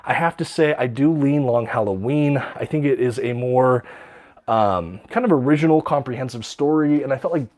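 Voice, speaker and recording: A man's voice: medium pitch, normal speed, darkish tone. Casting: man, livestream host, enthusiastic and chatty, slightly stuffy and short of breath. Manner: enthusiastic, many ums and uhs, reads out viewer questions. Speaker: livestream host showing his comic collection. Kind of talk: casual livestream chat.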